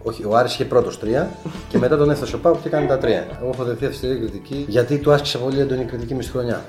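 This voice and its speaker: A man's voice: medium pitch, darkish tone. A man in his forties, a guest sports journalist, making his points at length in casual podcast chat. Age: 40s. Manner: argues at length, explaining points. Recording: roomy echo with faint music.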